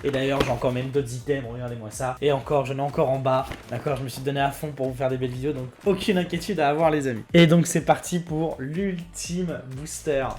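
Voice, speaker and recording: A man hosting his own card-opening video, chatting excitedly and talking straight to his viewers. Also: medium pitch, fast, hardly any pauses, a little hiss or hum. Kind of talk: casual card unboxing commentary.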